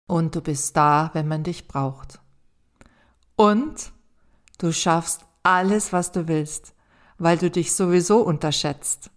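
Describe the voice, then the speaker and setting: A woman hosting a self-help podcast, calmly speaking straight to the listener and guiding them through exercises in a gentle, encouraging way. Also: on the low side. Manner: calm, addresses the listener directly as "du". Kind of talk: scripted advice monologue.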